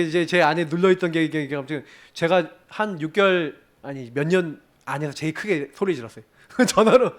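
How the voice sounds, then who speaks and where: Korean pastor guy preaching, high lively voice, keeps asking the church questions then answering them himself. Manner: swings between loud emphatic questions and quiet confiding storytelling. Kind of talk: sermon.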